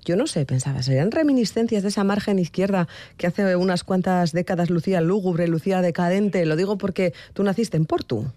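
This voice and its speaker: Mellow, dry-sounding interviewer. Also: mid-range voice, fairly quick, hardly any pauses, dry recording. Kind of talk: interview questions.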